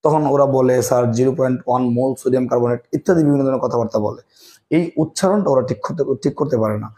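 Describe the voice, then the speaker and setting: A man's voice: medium pitch, warm tone. A man teaching a chemistry lecture who asks questions and answers them himself, repeating the key terms. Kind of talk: classroom lecture.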